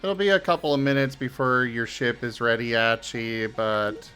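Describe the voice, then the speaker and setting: Bright-voiced male streamer on headset audio. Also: medium pitch, steady tone, normal speed, clear, resonant tone, faint music behind. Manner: upbeat greetings, easygoing and chatty. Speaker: streamer host. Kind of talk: casual livestream gaming chat.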